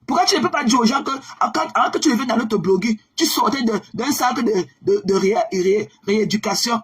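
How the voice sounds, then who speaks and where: A woman's voice: a little high, lively intonation, a little fast, breathy edge. A woman hosting a live stream, confronting and mocking a rival in a repetitive, combative way.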